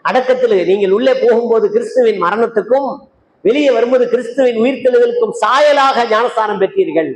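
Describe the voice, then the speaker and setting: This older man from Tamil Nadu, India, is an evangelist preaching briskly in an extremely high voice. Inside an echoey church meeting hall with faint noise, he bombards the congregation with rhetorical questions and singles out listeners by name.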